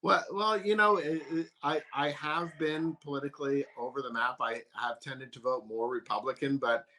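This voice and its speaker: A male author answers interview questions in a measured, hesitant way. He often repeats a word before finishing a thought, and his voice sits at a middle pitch. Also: fairly even intonation, pushed and bright, slight background noise. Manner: measured, hesitant, many fillers. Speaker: author guest.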